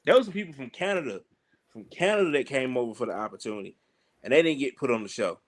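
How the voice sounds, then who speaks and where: A man's voice: medium pitch, expressive, quick pace. A man telling stories casually and animatedly in colloquial speech, acting out the exchanges he quotes. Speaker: pro wrestler telling stories.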